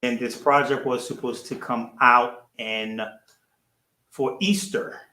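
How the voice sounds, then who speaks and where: A man's voice: mid-range voice, fairly even intonation, takes it slowly, bright, forceful tone. A man from Haiti, leading a ministry and addressing a livestream in a casual, earnest way, thanking people again and again. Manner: earnest, repeats his thanks over and over. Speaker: ministry leader hosting a livestream. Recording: roomy echo.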